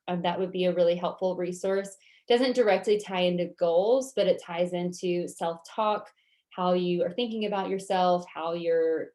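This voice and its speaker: A woman's voice: fairly low pitch, a little mellow. A woman with a Southern US accent coaching a workshop, answering questions in a casual, reassuring, conversational way. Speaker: goal-setting workshop coach.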